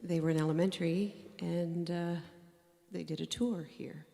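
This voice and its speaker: A woman's voice: lowish voice, fairly even intonation, normal speed, vocal fry, mellow. A middle-aged woman from Cape Breton, a folk musician chatting between tunes in a homey, storytelling way with many fillers. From Cape Breton, Nova Scotia, Canada. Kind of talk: stage banter between tunes. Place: museum hall, live concert. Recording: long reverb with faint music.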